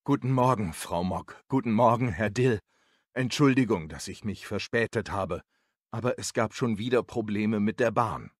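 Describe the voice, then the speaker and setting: A man's voice: on the low side, normal speed, no room sound, clean studio sound. A man reading a coworker's lines in a scripted dialogue for a language lesson, explaining and apologetic. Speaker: office worker in a dialogue.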